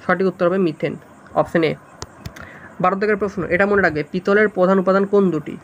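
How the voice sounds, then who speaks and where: A man's voice: high voice, steady tone, a little fast, lo-fi sound, a little hiss or hum. A man teaching an exam-prep class, walking students through multiple-choice answers step by step and checking that they follow. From West Bengal.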